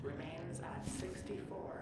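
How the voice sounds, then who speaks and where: A man voicing an impersonal facility announcement system in a video game, formal, measured and detached. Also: a little high, steady tone, close to an everyday voice. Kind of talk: scripted public-address announcements. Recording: distant, very echoey, noisy game audio.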